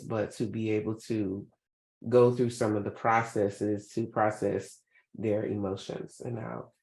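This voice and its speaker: A woman's voice: extremely low pitch, a little mellow, reverberant. A woman co-hosting an advice podcast in a casual, loose, conversational way. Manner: conversational, loose with many fillers. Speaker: podcast co-host.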